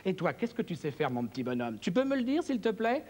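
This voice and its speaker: High voiced ventriloquist guy bantering with his puppets, big echo on it. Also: big pitch swings, fast, a little mellow. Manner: playful, talking to his puppets like a kindly uncle. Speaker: ventriloquist and impressionist guest. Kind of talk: TV variety ventriloquist act.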